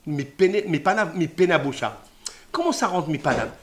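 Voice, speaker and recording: A man giving a religious lesson on scripture, sprinkling Hebrew terms into his talk and swinging from hushed murmurs to loud exclamations. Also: on the high side, expressive, normal speed, crowd noise. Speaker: Torah teacher.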